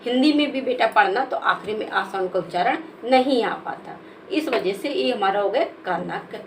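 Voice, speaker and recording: A woman teacher, spelling out words letter by letter in a slow, patient lesson for children. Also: medium pitch, lively intonation, a little hiss or hum, poor audio. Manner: patient, spells letters one by one, calls listeners "beta".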